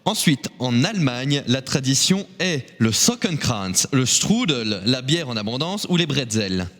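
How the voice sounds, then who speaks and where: A man's voice: mid-range voice, animated, a little slow, fairly bright tone, long reverb tail. A man hosting a playful quiz on a local live show, joking and laughing often between questions.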